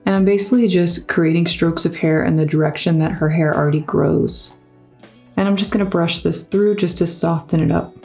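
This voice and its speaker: A woman makeup artist narrating a tutorial in a calm, instructive way, with playful teasing. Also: lowish voice, normal speed, creaky, faint music behind.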